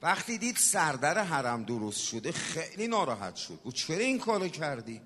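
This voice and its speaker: A man preaching a sermon, swinging from shouted exhortation to soft, hushed storytelling. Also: a little high, sing-song. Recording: long hall reverb.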